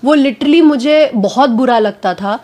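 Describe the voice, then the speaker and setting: A woman actress giving a casual interview at home, talking frankly and a little hoarse from a cold, slipping English phrases into her speech. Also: high voice, unhurried, dark tone.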